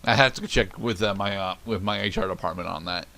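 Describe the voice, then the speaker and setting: A man's voice: low voice, brisk, sharp tone. A young man co-hosting a casual movie commentary, laid-back and skeptical, swearing casually.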